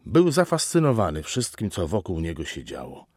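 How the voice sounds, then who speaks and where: Male narrator, low voice, lively expressive pitch, audiobook reading, dry close sound. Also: no room sound. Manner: slow, expressive storytelling with dramatic pauses.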